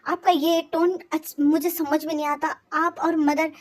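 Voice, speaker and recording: A woman doing a hot-tempered young brother in a fan storybook, scolding loudly and indignantly. The voice is raised and high. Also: steady tone, normal speed, natural voice.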